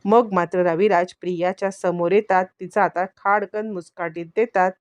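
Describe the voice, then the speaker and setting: A woman's voice: steady tone, moderate pace, no echo. A woman retelling a television serial in a casual, repetitive storytelling way. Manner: acts out characters' lines with rising pitch. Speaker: serial recap narrator.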